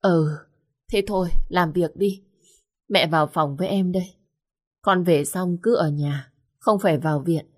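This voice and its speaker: A woman's voice: fairly low pitch, a little slow, long pauses. A woman voicing an anxious older mother, tearful and pleading, in a storybook reading. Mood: weary.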